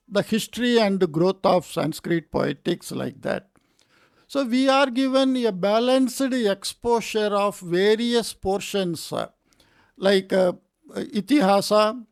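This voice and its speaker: An older man in his sixties lectures with a Kannada Indian accent. His voice sits high for a man and has a gravelly creak. He explains haltingly, pausing and adding small tag phrases, in a close, dry recording. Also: no room sound. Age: 60s. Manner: halting, with frequent pauses and repeated tag phrases.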